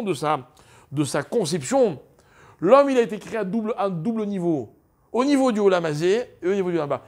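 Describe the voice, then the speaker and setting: A middle-aged man teaching a Torah class, animated, questioning his listeners and mixing Hebrew terms into his talk. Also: sits high. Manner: animated, asks the audience questions, spells out Hebrew letters; mixes Hebrew terms into French. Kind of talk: lively Torah lesson to a live audience.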